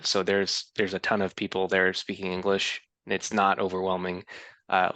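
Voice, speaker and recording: Podcast co-host: American man, low-pitched, practical and explanatory in casual conversation, dry recording. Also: a bit bright, no room sound, rough recording.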